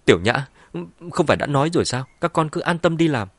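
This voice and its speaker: A man's voice: medium pitch, expressive, quick pace, dry recording, voice pushed up, close to an everyday voice. A man voicing a ruthless, two-faced middle-aged woman in an audiobook, switching between cold menace and false wailing. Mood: insistent. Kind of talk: audiobook character voice.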